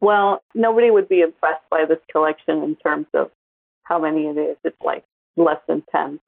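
Woman, low gravelly voice, casual podcast chat, dry tinny phone-line sound. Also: fairly even intonation, normal speed, dry recording. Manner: chatty, laughs easily, many fillers. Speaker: podcast co-host.

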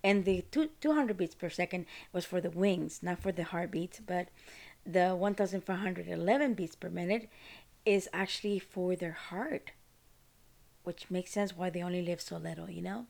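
A woman's voice: fairly low pitch, normal speed, gravelly, a little mellow. A woman from Costa Rica hosting a podcast, talking on her own in a chatty, rambling, informal way. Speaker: podcast host. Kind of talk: casual solo monologue.

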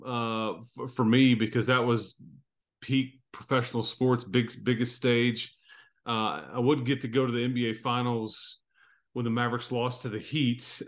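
A man's voice: mid-range voice, a bit bright. Rambling man in his fifties reminiscing. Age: 50s. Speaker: podcast host. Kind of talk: casual sports podcast chat.

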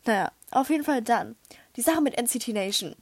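A young woman hosting a podcast in casual chat, excitable, with dramatic outbursts and English slang thrown in. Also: a little high, fairly quick, very noisy. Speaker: podcast host.

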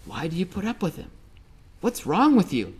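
A storyteller voices a meddling magical forest sprite in a children's story, sounding indignant as it exclaims and asks incredulous questions in a high voice. The voice is sing-song, a little mellow and slightly rough, at a moderate pace.

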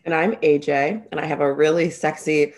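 A young woman co-hosts a podcast in casual chat, rambling in bursts with lots of "like" fillers. Her voice is deep, steady in tone, a little mellow, at a moderate pace.

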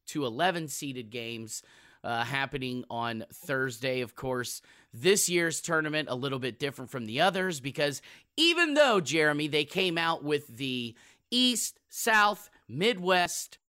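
A man's voice: on the high side, pushed and bright, no echo, studio quality. A man hosting a sports podcast in a casual, emphatic and jokey conversational way.

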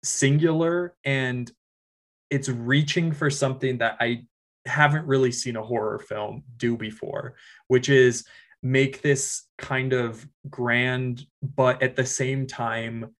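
Earnest man gushing about a film. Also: mid-range voice. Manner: earnest and enthusiastic, halting with fillers. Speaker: podcast co-host and film critic. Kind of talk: casual film review chat.

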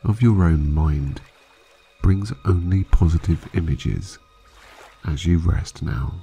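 A man narrates a guided sleep meditation in a low-pitched voice, much like a sleep story narrator. He speaks calmly and hypnotically at a measured pace, pausing at length between phrases, with soft music underneath.

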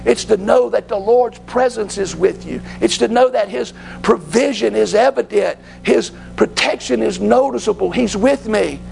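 A man preaching a fervent sermon in church, sometimes falling to a hush. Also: high voice, normal speed, vocal fry, few pauses, slight background noise, rough recording. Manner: fervent, dropping to hushed whispers.

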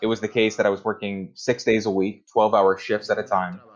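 A man interpreting as a translation voice-over, speaking another person's account in the first person with halting, deliberate phrasing, on a dull online call recording. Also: fairly low pitch, little pitch movement.

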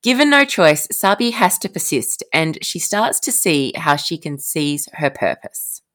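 Low-voiced, lively podcast host woman. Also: a little slow. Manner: expressive, storytelling delivery. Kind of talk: scripted podcast narration.

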